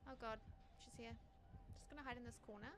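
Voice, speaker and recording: A woman's voice: fairly high pitch, steady tone, fast, fairly bright tone, a little hiss or hum. A woman with a New Zealand accent giving casual, chatty gameplay commentary as a streamer, muttering to herself with giggly asides.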